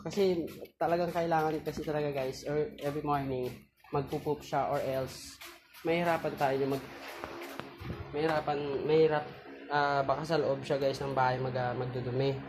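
A man's voice: a little high, level tone, normal speed, over music. A man chatting in a casual vlog, teasing and scolding his puppy in playful baby talk. He is recorded outdoors on a phone camera. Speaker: vlogger. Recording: outdoor noise behind.

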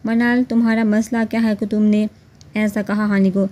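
A rude, short-tempered young husband barking curt orders, read by a woman narrator. The voice stays mellow and dark at a middle pitch. It is a spoken romance storybook. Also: level tone, moderate pace, close to an everyday voice. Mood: harsh. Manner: curt, commanding.

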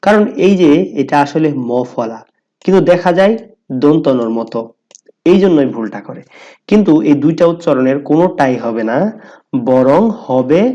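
Dark-voiced man teaching pronunciation. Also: a little high, muffled recording. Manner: explanatory, repeats words slowly for emphasis. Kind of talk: pronunciation lesson to camera.

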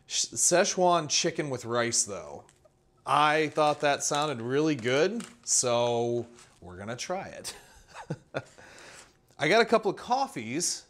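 A man's voice: mid-range voice, a bit bright. A man hosting his own channel, chatting casually through a table of camping meals with plenty of fillers and restarts. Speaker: food reviewer, channel host. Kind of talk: casual product walkthrough. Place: indoors at a table.

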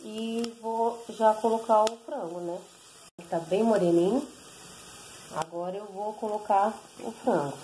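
At her stove at home, a Brazilian cooking vlogger with a mid-range, mellow voice talks a little slowly through each step of a recipe, constantly checking in with her audience using tag questions. She shoots one-handed on her phone, and the low-quality recording has slight background noise and her Brazilian Portuguese accent.

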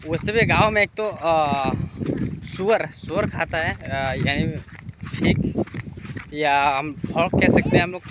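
A man's voice: fairly high pitch, slow pace, dull audio, heavy background noise. A young man chatting casually to viewers in a vlog, filmed on a phone at arm's length outdoors. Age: young adult. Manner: chatty, addresses viewers directly. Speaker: vlogger. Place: outdoors by a river, then a hut indoors. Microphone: phone camera held at arm's length.

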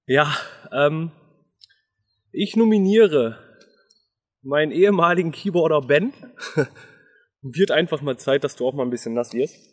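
A man's voice: a little high, unhurried, long pauses, big-room sound. A man in his thirties talking casually and off the cuff to a camera a few metres away outdoors. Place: outdoors in a garden.

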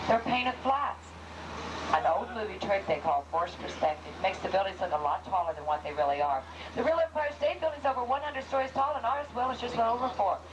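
Lady tram tour guide on a worn old vhs home tape, chatty and jokey, echoey open air, loud rumbly vehicle noise behind. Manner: chatty, jokey, addresses the crowd as folks. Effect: old home VHS tape recording. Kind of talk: guided tour patter to riders. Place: open studio tram ride outdoors.

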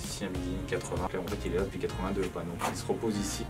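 Loud music sits behind this low, flat voice as a thirtysomething man from Charente, France, the head sommelier, rattles through a tour of a stone wine cellar indoors. He speaks very fast and conversationally, dropping in plenty of fillers and lots of "en fait."

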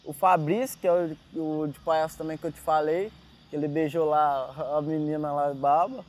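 A young Brazilian man who dances on party trains, talking in a relaxed, chatty interview and laughing easily. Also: fairly high pitch, normal speed. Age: young adult. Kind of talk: casual interview.

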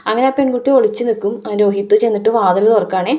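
A woman's voice: mid-range voice, racing, muffled recording. A woman casually retelling the events of a TV serial episode and often adding a tag word for the listener. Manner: ends many phrases with a tag word for the listener. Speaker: serial review narrator.

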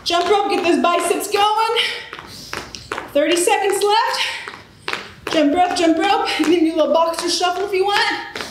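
A woman's voice: very high voice, measured pace, long pauses. A middle-aged woman working as an aerobics instructor, energetically calling out moves and counts with encouragement as she exercises. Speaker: fitness instructor. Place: large indoor exercise studio with wooden floor. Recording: very echoey studio, clear background noise.

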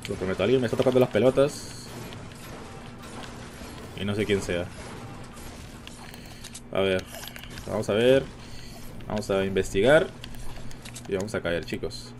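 A man with a Mexican Spanish accent giving casual, chatty commentary while streaming a game, talking to his viewers all the time and jumping into high-pitched exclamations. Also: darkish tone, slight background noise. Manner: chatty, addresses viewers constantly. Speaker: gaming streamer.

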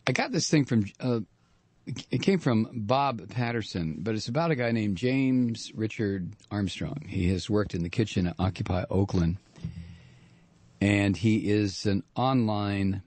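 A man's voice: on the low side, a little mellow, dry recording. A man hosting a political radio talk show, delivering a sarcastic, indignant monologue.

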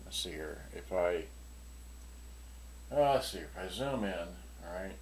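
An older seller casually demonstrates secondhand electronics in a cramped, cluttered workshop, his low voice expressive and measured in pace. His talk rambles, and the noticeably noisy recording picks up clicking switches as he works them.

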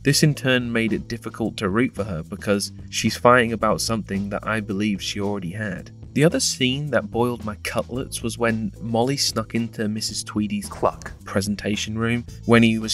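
A man's voice: lowish voice, normal speed, hardly any pauses, fairly bright tone, faint music behind. Sardonic man reviewing a film. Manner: sardonic, punning. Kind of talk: scripted video-essay narration.

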